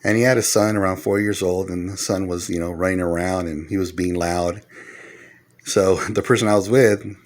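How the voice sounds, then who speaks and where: A man's voice: low-pitched, steady tone, normal speed. Earnest middle-aged man giving advice. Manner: earnest, lecturing, numbers his points; grows loud and heated when retelling arguments. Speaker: vlogger giving life advice. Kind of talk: casual monologue to camera.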